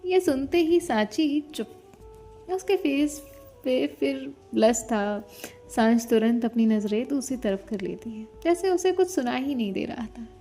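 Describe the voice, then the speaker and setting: A woman narrating an audio love story with steady, expressive storytelling. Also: sits high, measured pace. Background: faint music.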